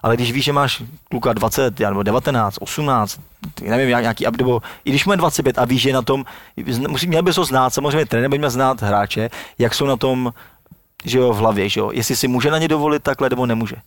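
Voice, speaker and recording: A man's voice: mid-range voice, no room sound, clean studio sound. A man being interviewed, a former footballer, talking casually and rambling with many restarts.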